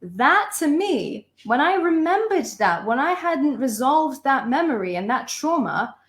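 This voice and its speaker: Very animated but unhurried, her voice sits high. The young Lithuanian relationship coach delivers her live online masterclass with emphatic, passionate lists of repeated phrases, warmly calling her listeners sisters and loves.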